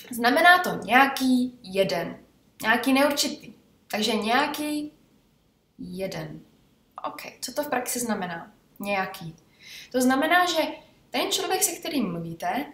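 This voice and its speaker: Woman English teacher, chatty explainer, higher pitch, roomy distant sound. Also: a bit bright. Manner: chatty, checks in with "ok?" and "jo?". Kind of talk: explanatory language lesson. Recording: echoey room, voice from far off.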